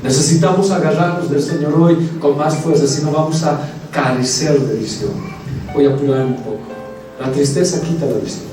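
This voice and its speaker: A man's voice: on the high side, normal speed. A male preacher giving an emphatic sermon in a church, calling the congregation his brothers. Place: church hall. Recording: echoey hall, mic from a distance, faint music.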